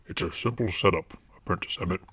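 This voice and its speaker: A man in an audio drama takes the role of a stern, secretive paranormal investigator and mentor, giving formal, commanding lines in a disguised, altered deep voice. His performance is heavily acted and fast, with a fairly bright, slightly rough tone and no room sound at all.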